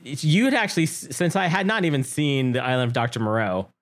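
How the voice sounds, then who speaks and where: A man hosting a podcast in casual chat, animated, acting out quotes with lots of fillers and restarts. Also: fairly high pitch, fairly quick. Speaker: podcast host.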